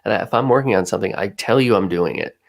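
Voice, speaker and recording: A man's voice: on the low side, fast, creaky. A man co-hosting a podcast, talking things through in a thoughtful, musing way as he searches for the right words. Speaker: podcast co-host. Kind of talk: casual podcast chat.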